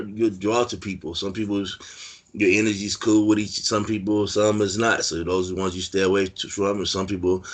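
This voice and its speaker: Very deep voiced californian guy rambling through prison stories, lots of likes and you knows. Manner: rambling, filler-heavy street talk. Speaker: interview guest, former prisoner. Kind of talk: casual storytelling interview.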